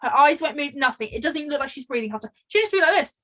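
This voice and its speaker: A woman co-hosting a casual podcast, chatty and animated, telling stories with lots of fillers. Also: sits high, racing. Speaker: podcast co-host. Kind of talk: casual chat.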